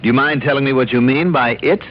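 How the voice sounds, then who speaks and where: An actor playing a cool, patient insurance investigator who stays dryly polite under pressure, in 1950s radio drama style, heard through a muffled AM radio broadcast. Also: male voice, medium pitch, quick pace. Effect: muffled AM radio broadcast sound. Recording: muffled old radio broadcast with faint hiss.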